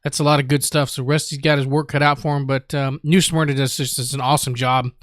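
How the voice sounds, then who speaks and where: A man co-hosting a casual sports talk show, quick and upbeat. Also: medium pitch, little pitch movement, no echo, studio quality. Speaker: co-host.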